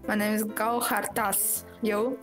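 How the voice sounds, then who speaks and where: A young woman from Kazakhstan speaking halting, friendly English on a video chat. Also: mid-range voice, little pitch movement, over music.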